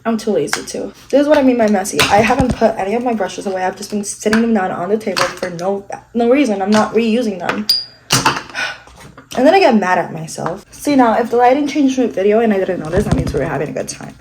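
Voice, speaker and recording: A woman's voice: mid-range voice, animated, fast, background noise. Rambling, sniffly young woman doing makeup. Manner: self-deprecating, rambling, swears casually. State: congested, sniffling. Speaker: vlogger. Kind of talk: casual get-ready-with-me chat.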